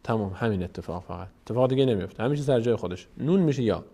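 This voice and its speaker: A man teaching Quran recitation step by step, patiently repeating words slowly and drawn out, then explaining the rules quickly. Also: lowish voice, animated, mellow. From Tajikistan.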